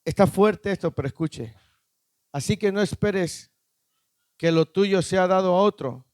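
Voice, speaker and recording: A man preaching a sermon, emphatic, firing rhetorical questions at the congregation and rising to shouts at the peaks. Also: sits high, unhurried, clean tone, dry recording, studio quality.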